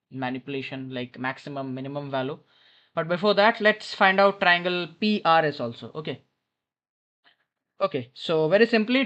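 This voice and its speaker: Tutoring maths informally on a headphone mic in an airport lounge, a man with a slightly high, fairly bright voice reasons aloud and frequently corrects himself. The recording has a dull lo-fi headset quality.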